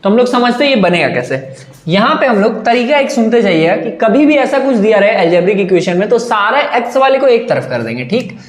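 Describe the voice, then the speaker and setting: A man's voice: sits high, very animated, brisk. Echoey male math teacher quizzing students. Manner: asks questions and answers them himself, repeats key points. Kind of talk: classroom-style lesson. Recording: echoey room.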